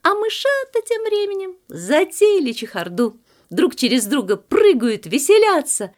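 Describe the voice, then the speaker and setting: A woman narrating a children's fairy tale in an expressive, sing-song way. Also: sits high, a little slow. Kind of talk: storybook reading for children.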